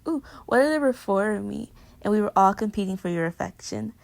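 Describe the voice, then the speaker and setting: A woman's expressive, creaky voice, medium in pitch, a bit quick and slightly mellow, carries a pillow-talk roleplay in which she's a clingy, playful young girlfriend. Between murmurs and exclamations she rambles on, affectionate and teasing.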